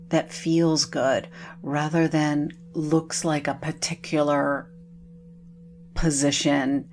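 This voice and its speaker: A woman with a low, slightly mellow voice leads a meditation, speaking extremely slowly and soothingly. Her short phrases are separated by long pauses.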